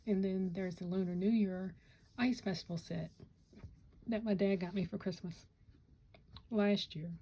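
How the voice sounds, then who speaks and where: A woman's voice: medium pitch, fairly even intonation, unhurried, pauses often, warm tone, rough recording. A woman chatting casually to camera about her Lego builds, rambling and correcting herself, with hiccups. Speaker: Lego vlogger. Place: home Lego room.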